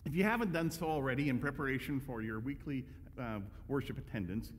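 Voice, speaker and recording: A man's voice: mid-range voice, a little fast. A male pastor preaching a conversational, emphatic sermon with frequent restarts. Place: church sanctuary. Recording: echoey church hall.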